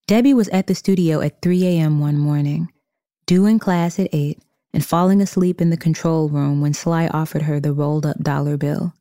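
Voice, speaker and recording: Low, warm-voiced woman narrating a story. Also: steady tone, no room sound, studio quality. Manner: measured storytelling. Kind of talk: scripted narration.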